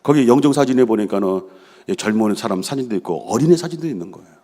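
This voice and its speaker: A man's voice: medium pitch, expressive, fast talker, mellow. A middle-aged male pastor preaching a sermon, reading scripture and telling personal stories, often asking the congregation questions. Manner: engages the congregation with frequent questions and affirming "yes"; reads scripture aloud, then expounds with personal stories. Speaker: senior pastor.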